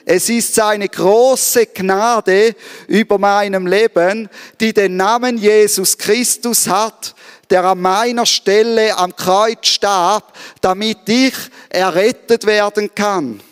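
Earnest high-voiced male preacher, reverberant hall. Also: steady tone, slow, clear, resonant tone. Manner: earnest, asks the listener direct questions. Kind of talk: sermon. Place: church service.

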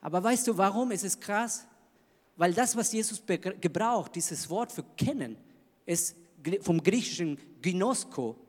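A man preaching a sermon in an emphatic manner, swinging between loud bursts and hushed lines. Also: sits high, lively intonation, measured pace, long reverb tail. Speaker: pastor.

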